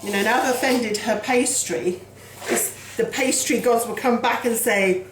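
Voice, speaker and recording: A woman's voice: a little high, unhurried, roomy sound, noisy background. A woman hosting a casual home cooking show, chatty and self-deprecating, talking as she works in her kitchen.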